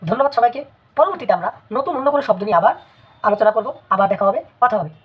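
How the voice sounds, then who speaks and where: A woman teaching a spelling lesson in a measured way, repeating words for emphasis. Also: a little high, animated, slightly rough. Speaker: language teacher. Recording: dull lo-fi recording.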